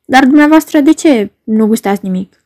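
A woman doing a hoarse, hungover man. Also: animated, a little mellow. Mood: sheepish. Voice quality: hoarse, squeaky. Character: badly hungover middle-aged theatre director, croaking and befuddled.

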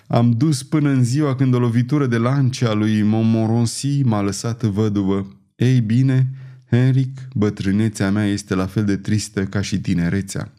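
A man's voice: fairly low pitch, fairly even intonation, dark tone, natural voice. A man voicing a bitter aging queen mother. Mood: bitter, grave. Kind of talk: audiobook reading.

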